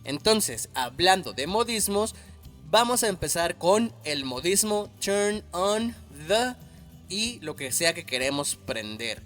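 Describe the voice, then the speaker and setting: Guy teaching english vocab, goes real slow and repeats stuff, lively up and down voice, quiet music under it. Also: sits high. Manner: patient, repeats each word slowly and clearly. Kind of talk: slow, careful language lesson.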